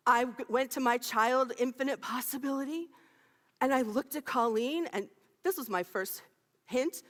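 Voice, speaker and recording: A woman minister in her fifties preaching a sermon in a church sanctuary, playful and animated, laughing often and calling out to the congregation. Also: a little high. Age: 50s. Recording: long reverb of a large sanctuary.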